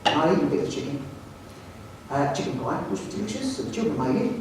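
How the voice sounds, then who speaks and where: Male headteacher with a London accent, animated anecdotal speaker; distant mic in a reverberant hall. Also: fairly high pitch, fast talker, slight background noise. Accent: London English. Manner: jokey storyteller, animated, self-mocking. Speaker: headteacher giving a talk. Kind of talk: anecdotal presentation to an audience. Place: large hall with audience.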